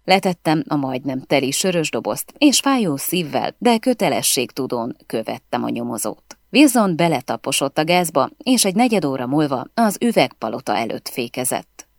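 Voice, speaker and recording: A woman reading a first-person novel aloud as an audiobook narrator, with an expressive storytelling delivery. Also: rumbling low, hardly any pauses, no room sound, studio quality.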